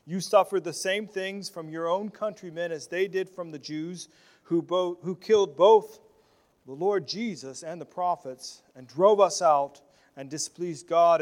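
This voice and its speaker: Earnest, fairly high-voiced man preaching. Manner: earnest, repeats words as he restarts, swings between loud stress and soft asides. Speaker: pastor. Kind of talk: sermon.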